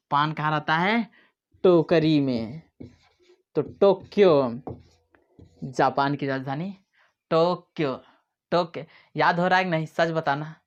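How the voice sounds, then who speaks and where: A man teaching memory tricks in a playful way, acting out little scenes as he explains. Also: fairly high pitch. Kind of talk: mnemonic lesson to camera. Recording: dull lo-fi sound.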